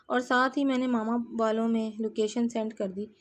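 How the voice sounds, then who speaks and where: A woman reading an audio novel and voicing a serious, protective young husband who speaks calmly and reassuringly. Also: on the high side, lightly acted. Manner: calm, reassuring.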